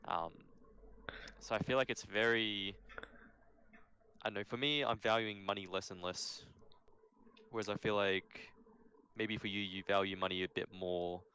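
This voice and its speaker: A man's voice: on the low side, steady tone, normal speed, pauses often, sharp tone, a little hiss or hum. A man in his twenties, chatting casually as a podcast co-host and hedging his views with "I feel like". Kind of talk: casual chat.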